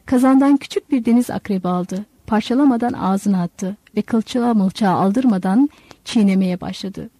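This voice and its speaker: A woman narrating a literary novel in a measured, storytelling manner. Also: medium pitch, warm tone, dry recording. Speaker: audiobook narrator.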